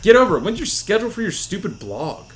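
A man co-hosting a casual fantasy football podcast, teasing and roasting his friends with quick jokes. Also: high-pitched, big pitch swings, crowd noise. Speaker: podcast co-host.

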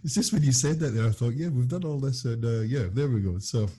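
Fast-talking husky man hosting a chat. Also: medium pitch, animated, warm tone. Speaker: podcast host. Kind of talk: casual chat, interviewing.

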